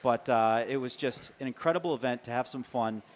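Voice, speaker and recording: A man co-hosting a local sports show, praising athletes in loose, energetic run-on phrases. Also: mid-range voice, fairly quick. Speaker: co-host. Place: local TV studio.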